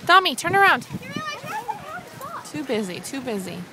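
A woman's voice: sits high, very animated, a little slow. A young mother filming her family outdoors and narrating a home video, coaxing her toddler in a sing-song voice, recorded on home camcorder audio. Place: outdoors between two museums. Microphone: built-in camera mic. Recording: noisy outdoor camcorder sound.

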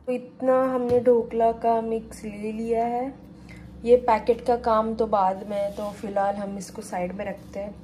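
A young woman talks her way through cooking in a home kitchen, with a faint hum of noise behind her. Her voice is mellow and her pitch stays flat. She rambles and keeps correcting herself mid-sentence. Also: measured pace, poor audio. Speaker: cooking vlogger. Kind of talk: casual cooking vlog chat.

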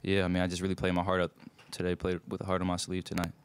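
A young man from a college basketball team takes postgame questions at a table mic in a press room backed by sponsor logos. He has a deep, smooth, monotone voice and answers in loose, quick bursts thick with fillers.

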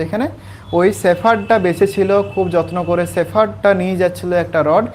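Speaking in a voice that sits high over slight background noise, a tutor from West Bengal, India, explains an English textbook passage step by step to school students in a small class. He is patient and repetitive, often checking with quick questions.

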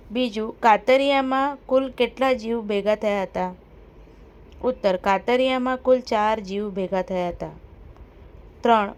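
A woman teacher reads workbook questions and answers aloud. Her voice sits a little high, and she keeps a steady, dictating pace as she lists each answer.

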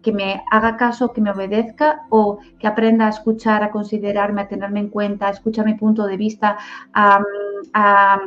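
A woman from Spain who works as a family counselor answers interview questions at a medium pitch. She thinks aloud, pausing on "eh" and checking in with "¿no?". The audio is slightly muffled and lo-fi. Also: little pitch movement, fairly bright tone, faint music behind. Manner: reflective, frequent "eh" fillers and "¿no?" tags.

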